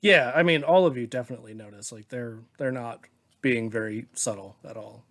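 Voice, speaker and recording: A man running a tabletop game as game master, narrating scenes in a relaxed, descriptive way and chuckling often. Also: medium pitch, a little fast.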